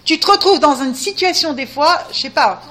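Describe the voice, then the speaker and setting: A woman giving a spirited religious talk, speaking straight to her listeners and rising at times to loud cries. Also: high voice, normal speed. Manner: animated, talks to listeners directly, rising to cries. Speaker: Torah teacher.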